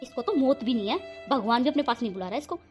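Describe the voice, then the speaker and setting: A woman voicing a quick-tempered young wife who scolds and shouts sarcastically in a cartoon. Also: fairly high pitch, lively intonation, soft background music, close to an everyday voice. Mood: scolding. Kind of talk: cartoon voice acting.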